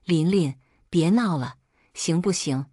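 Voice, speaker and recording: A woman's voice: on the low side, slow pace, mellow, dry recording, clean studio sound. A woman voicing a meek, evasive young husband who tries to placate his wife. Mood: placating.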